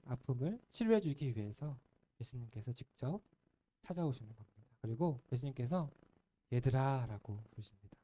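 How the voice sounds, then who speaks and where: A male pastor preaching a sermon in an earnest, gentle way, letting the ends of his phrases fall soft. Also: medium pitch. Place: church sanctuary.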